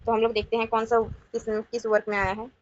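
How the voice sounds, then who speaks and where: A woman teacher solving past exam questions in a lecture, reading questions out slowly and then explaining quickly in mixed Hindi and English, asking viewers to answer. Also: on the high side, monotone. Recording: dry, dull lo-fi sound.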